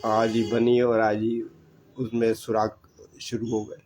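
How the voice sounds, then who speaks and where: A man's voice: on the low side, monotone, slow, darkish tone, a little hiss or hum, poor audio. An older man giving earnest, repetitive advice about saving money. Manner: preachy, repetitive, exhorting. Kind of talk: earnest monologue.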